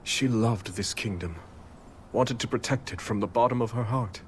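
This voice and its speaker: A man's voice: on the low side, moderate pace, slight background noise, lightly acted. A man playing a solemn, regal warrior king in a video game cutscene. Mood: sorrowful, grave.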